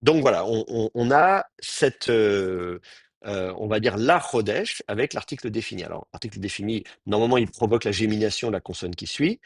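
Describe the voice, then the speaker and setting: A man's voice: lowish voice, expressive, normal speed, no echo, clean studio sound. A man teaching an advanced Hebrew class, explaining grammar step by step with many fillers and restarts.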